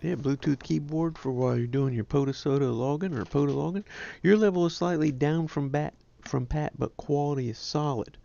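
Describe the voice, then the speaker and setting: A man's voice: fairly high pitch, brisk, vocal fry, hardly any pauses, dark tone, muffled recording. A man, hosting a ham radio livestream in a casual, rambling, self-deprecating way. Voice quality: nasal. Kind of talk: casual chat.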